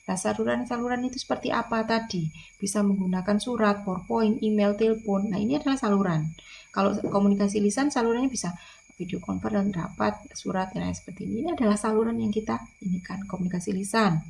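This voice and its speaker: A woman's voice: mid-range voice, fast, gravelly, a little mellow, slight background noise. A woman lecturer, explaining in a recorded online lecture, repeating key points with frequent fillers.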